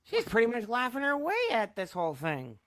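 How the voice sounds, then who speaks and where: A woman's voice: on the high side, big pitch swings, a little fast. A woman doing casual color commentary on a wrestling match, making playful, giggly asides.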